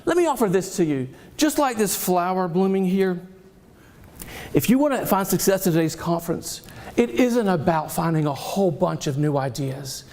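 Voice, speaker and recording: Speaking from a conference stage, a Southern US man gives a motivational keynote at a moderate pace, full of lively energy. His voice is notably high for a man, bright and bouncy, and he's animated as he jokes with the audience.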